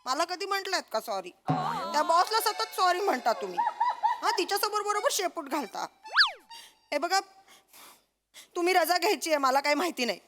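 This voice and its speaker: Brief: a stern boss-wife, high and very lively voice, curt orders, comic sketch. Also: female voice, normal speed, long pauses, over loud music. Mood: nagging. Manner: curt commands mixed with English phrases. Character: strict bossy woman office boss who is also his wife. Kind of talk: stage comedy sketch acting.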